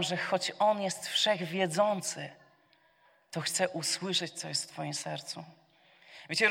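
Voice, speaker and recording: A man delivers a sermon in a high, bright voice. He poses questions to his listeners and answers them, dropping low and then rising to loud cries. A long reverb fills the church around him. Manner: swings from soft to loud, shouting the cries. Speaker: preacher.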